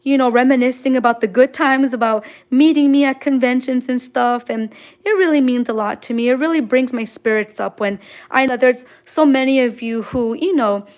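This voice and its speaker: A manga artist from Queens, New York City, hosts a drawing livestream, gushing over viewer comments with effusive chatter and lots of exclamations. Her voice sits high with a darkish tone, at a moderate pace.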